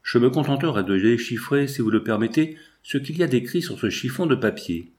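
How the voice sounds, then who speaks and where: A man voicing a shrewd, persuasive man in an audiobook, speaking in a measured, calculating way. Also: mid-range voice, lively intonation, darkish tone, natural voice.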